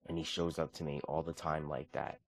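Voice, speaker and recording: His voice is very deep and creaky, and he talks fairly quickly. The vlogger, in his thirties, discusses his morning routine and faith earnestly and casually, with a relaxed, conversational style and many restarts.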